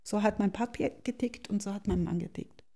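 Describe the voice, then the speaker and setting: This middle-aged interviewee from South Tyrol, Italy, has a South Tyrolean accent and a creaky, dark, medium-pitched voice. She speaks thoughtfully, feeling her way through halting phrases.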